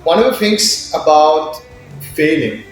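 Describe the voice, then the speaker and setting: A man's voice: on the high side, big pitch swings, slow pace. Mauritian man in a very echoey room. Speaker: interview guest, business incubator worker. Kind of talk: conversational interview answers. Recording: very echoey room, music in mix.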